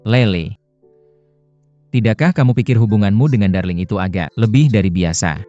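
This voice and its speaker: Man acting a dark-voiced, jealous young businessman. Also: on the low side, normal speed, close to an everyday voice. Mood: jealous, accusing. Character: jealous, brooding male partner, a businessman. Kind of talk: dubbed serial drama dialogue. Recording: dull lo-fi audio, music behind.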